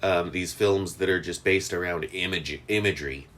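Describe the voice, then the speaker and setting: A man co-hosting a podcast in casual chat, rambling with fillers and restarts. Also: normal speed. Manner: rambling, many fillers and restarts, lively pitch. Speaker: podcast co-host.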